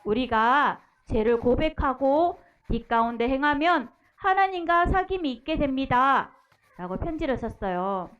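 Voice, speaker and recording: High-voiced woman preaching to toddlers. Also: animated, measured pace, clean tone. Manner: gentle, sing-song, asks and prompts children to repeat. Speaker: children's ministry preacher. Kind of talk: sermon for small children. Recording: dull recording with faint music.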